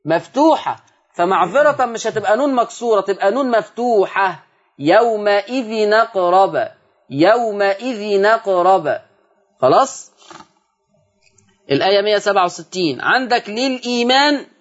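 High-voiced Egyptian man teaching recitation. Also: lively intonation, highs cut off. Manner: explains quickly, then recites words slowly. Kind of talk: televised lesson with drawn-out recited examples.

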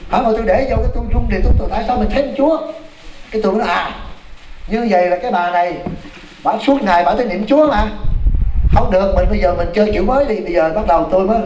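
Fast-talking monk, echoey hall. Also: male voice, high voice. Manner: animated, exclaims to the audience. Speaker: Buddhist monk teacher. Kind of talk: storytelling dharma talk. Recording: echoey hall from far off, noisy.

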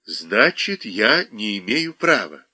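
Angry woman throwing accusations in a man's reading voice, lively. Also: on the low side, slow, full character voice. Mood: accusing. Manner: sharp, accusing.

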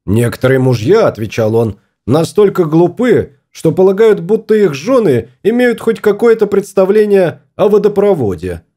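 A man's voice: sits high, big pitch swings, normal speed, hardly any pauses, warm tone, voice pushed up. A man voicing a stubborn, fussy husband exploring space in an audiobook, grumbling and obstinate.

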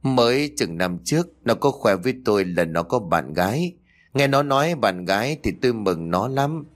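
A man's voice: lowish voice, close to an everyday voice. A man voicing a grieving middle-aged mother who talks through sobs in a spoken ghost story. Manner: sobbing, lamenting.

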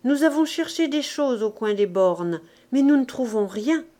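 A woman's voice: sits high, animated, unhurried, dark tone, voice pushed up. A woman voicing a polite, earnest little boy in a storybook reading, in a raised voice.

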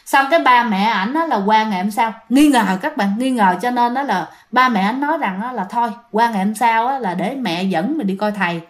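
A woman's voice: fairly high pitch, fairly quick, few pauses. A woman with a Southern Vietnamese accent telling ghost stories in a chatty style, speaking directly to her listeners. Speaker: storyteller host. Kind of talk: conversational ghost-story narration.

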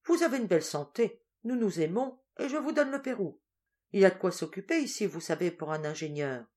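A woman voicing a confident, teasing young woman of twenty-three in an audiobook, speaking in a brisk, self-assured way. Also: mid-range voice, animated, a little mellow, lightly acted.

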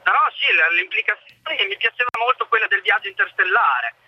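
A man's voice: sits high, very animated, fairly quick, slightly rough, dry recording. A man calling a radio show on speakerphone from his van, eager and thinking aloud. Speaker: radio caller. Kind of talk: call-in chat. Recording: dull lo-fi speakerphone line.

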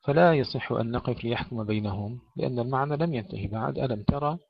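Gravelly-voiced male Arabic tajweed teacher. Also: mid-range voice. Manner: slow deliberate demonstration of pronunciation, drawn-out recited words. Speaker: Quran recitation teacher. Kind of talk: tajweed lesson with recited verses. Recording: dull lo-fi recording.

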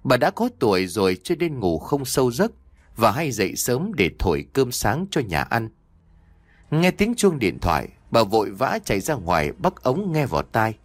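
A man's voice: mid-range voice, sing-song, normal speed, no echo. A man narrating a scripted horror story in a dramatic, ominous storytelling manner.

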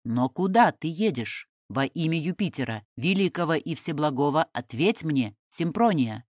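A woman reading an audiobook and voicing a hot-headed young Roman man who demands answers and shouts oaths. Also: deep voice, expressive, moderate pace, no room sound, clean studio sound. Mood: furious.

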